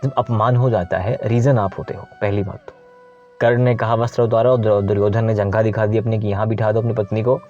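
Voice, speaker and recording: A man's voice: fairly low pitch, steady tone, fairly quick, warm tone. A man hosting a channel, retelling an ancient epic in a casual, explaining way and speaking directly to his listeners. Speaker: storyteller host. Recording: slightly dull recording with faint music.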